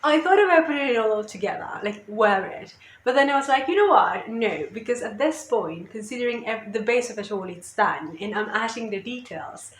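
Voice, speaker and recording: A woman's voice: mid-range voice, a bit bright, reverberant, slight background noise. A woman vlogger chatting casually and rambling about her craft projects. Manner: rambling, chatty, with lots of "you know" and "basically". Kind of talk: casual chat.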